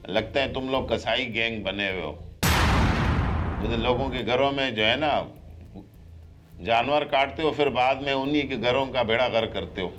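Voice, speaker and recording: A man's voice: medium pitch, moderate pace, pauses often, lo-fi sound, over loud music. A man with a Pakistani Urdu accent, hosting a crime show and sternly questioning suspects, pressing and scolding them. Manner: scolding, pressing, rises sharply when angry. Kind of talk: stern interrogation.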